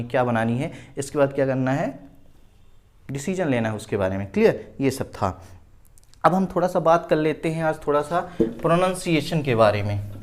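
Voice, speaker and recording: Indian man teaching English, higher voice. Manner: explains slowly, repeats words, keeps asking "ठीक है?". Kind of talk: classroom grammar lesson at a board.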